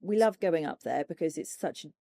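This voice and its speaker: A woman's voice: low voice, lively intonation, fairly quick, vocal fry, mellow, dry recording, studio quality. A woman co-hosting a podcast, easygoing and rambling in casual chat. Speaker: podcast co-host.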